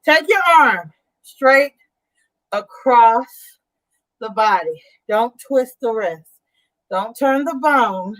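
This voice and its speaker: A woman's voice: fairly high pitch, lively intonation, slow pace, long pauses, fairly bright tone, rough recording. A woman leading a workout as an aerobics instructor, calling out counts and cues in a directive, encouraging way. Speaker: fitness instructor.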